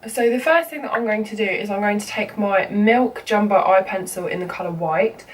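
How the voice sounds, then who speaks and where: A young makeup vlogger with a cold sounds bunged up as she chats through a makeup tutorial, filling it with ums and you-knows. Her voice is mid-range at a moderate pace, picked up by a slightly distant mic with faint room noise.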